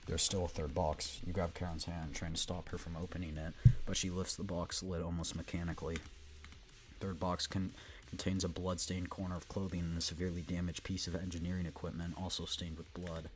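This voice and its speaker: A man's voice: low-pitched, flat delivery, a little fast. A man reading video game narration aloud as a streamer. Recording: background noise.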